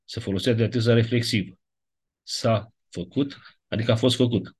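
A man's voice: medium pitch, fairly even intonation, darkish tone, slightly rough. A man teaching a lecture class, explaining grammar step by step and checking in with his students.

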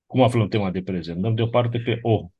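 A man's voice: lowish voice, slightly rough, phone-quality sound. A man teaching a class, going methodically through grammar rules and checking understanding with short tag questions. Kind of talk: classroom lecture reviewing grammar.

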